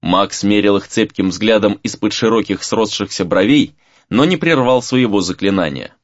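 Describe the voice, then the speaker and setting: A man reading a fantasy novel aloud as narrator, in a measured reading with varied emphasis. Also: fairly low pitch, dry recording, muffled recording. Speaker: audiobook narrator.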